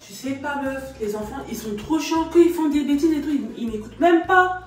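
A grumpy babysitter barks orders and scolds the kids, played by a woman in a very high voice. The sound is strongly echoing and comes from off-mic, with music playing behind. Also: animated, brisk, recorded from a distance. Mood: complaining. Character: bossy, grumpy young female babysitter.

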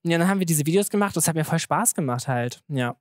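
A man talks very quickly in a casual, chatty way as an interview guest. He tells stories in animated fashion, slipping into bits of quoted dialogue. His voice is recorded close and dry. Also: on the high side, dry recording. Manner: chatty, animated, with many filler words and re-enacted dialogue. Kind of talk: casual chat, storytelling.

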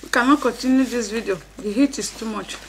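A Nigerian woman hosts a casual eating mukbang, talking between mouthfuls. Her voice is fairly high and very creaky. There is clear noise behind her as she speaks. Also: quick pace, rough recording. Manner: speaking between bites of food. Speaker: mukbang vlog host. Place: indoor room, seated at a table. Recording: clear steady background noise.

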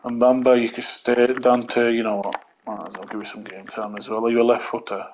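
Chatty gaming host. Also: male voice, mid-range voice, a little fast, a little hiss or hum, rough recording. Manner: rambling, chatty, talks to viewers while playing; excitable bursts at goals. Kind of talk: live football game commentary.

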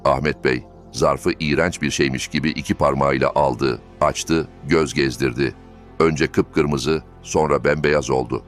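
A man reading a dramatic family story as narrator, in an even storytelling manner. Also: extremely low pitch, unhurried. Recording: faint background music.

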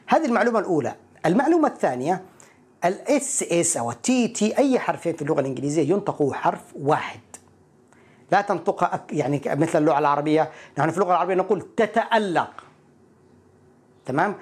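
Quick-talking husky male teacher. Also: sits high, a little mellow. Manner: explains, repeats each word slowly. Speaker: English teacher. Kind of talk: pronunciation lesson.

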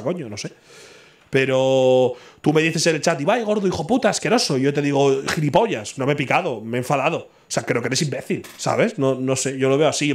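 A man from talks in an ordinary mid-pitched voice. He is blunt and profane, and he circles back to his argument again and again. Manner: blunt, swears freely, argues his point over and over. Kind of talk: casual podcast chat.

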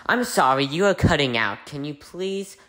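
A man's voice: fairly high pitch, lively intonation, normal speed, a bit bright, echoey room. A man playing a dismissive cable phone agent. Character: bored male cable company phone agent. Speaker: customer service agent. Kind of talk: short film comedy acting.

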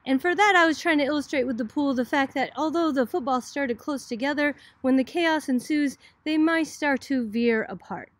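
This Boston woman is middle-aged, and her teaching feels like a relaxed college video lecture, chatty and full of explanation. She has a high voice and a moderate pace with few pauses, and the recording has no echo.

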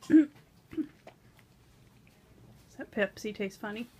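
A woman's voice: on the high side, a little fast, warm tone, a little hiss or hum. A middle-aged woman chatting casually as a mother at the bedside. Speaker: mother of patient. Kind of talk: casual chat. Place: small hospital room.

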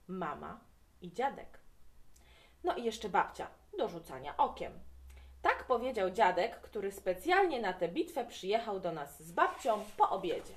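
Woman reading a children's story expressively. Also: medium pitch.

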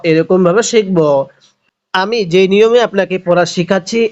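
A man teaching Quran reading, who recites the verses slowly, syllable by syllable, and adds quick spoken explanations. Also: sits high, dull audio. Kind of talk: slow spelled-out Quran recitation lesson.

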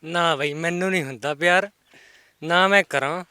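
A man's voice: a little high, normal speed, bright, forceful tone, clean tone, no room sound, clean studio sound. A young man answering in a blunt, offhand way in a casual chat. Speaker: interviewee.

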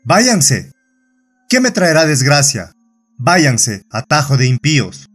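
A man's voice: medium pitch, lively intonation, measured pace, close to an everyday voice. A man with a Latin American Spanish accent voicing a bitter, hypocritical peasant woman in her forties, whining and shrieking in an audio horror story. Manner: whining then shrieking with rage.

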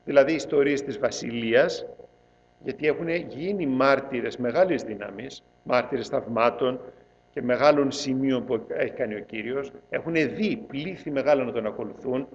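A man preaching a sermon, reading scripture in a measured, deliberate way, then explaining it with rising emphasis. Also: mid-range voice. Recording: dull, lo-fi church recording with faint hum.

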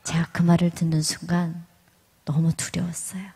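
A middle-aged woman giving a church testimony, telling her story with lively storytelling and acting out the lines. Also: fairly low pitch, moderate pace, breathy edge. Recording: reverberant hall.

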